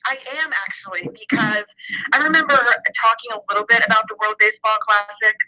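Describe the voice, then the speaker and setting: A woman's voice: fairly high pitch, sharp tone. Chatty woman on a muffled phone line. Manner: chatty, quick, lots of fillers. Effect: heard over the phone. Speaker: sports show host, interview guest. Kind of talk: casual phone interview.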